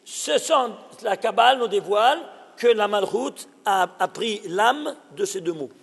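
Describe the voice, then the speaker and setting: A man teaching a Torah lesson as a rabbi, animated and exclaiming, often asking his audience questions. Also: sits high, unhurried, creaky, long reverb tail.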